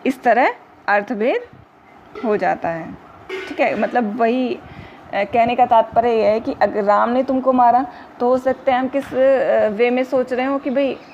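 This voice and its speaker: A woman's voice: on the high side, measured pace, a little mellow. A woman teacher giving a recorded lecture to teacher trainees, explaining step by step and often checking in with her listeners. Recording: dull lo-fi recording with faint noise.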